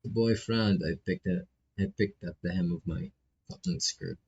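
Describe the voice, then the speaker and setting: A low-voiced man, not a native English speaker, streams a visual novel and reads its text aloud at a moderate pace, stumbling and repeating phrases between casual asides. His voice is a little mellow, with slight background noise and a dull, lo-fi microphone sound.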